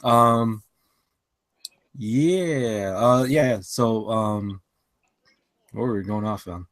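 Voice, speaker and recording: A man's voice: on the low side, extremely slow, dry recording. A man co-hosting a casual podcast chat, tired after a long work shift, rambling with lots of fillers and restarts. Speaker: podcast co-host.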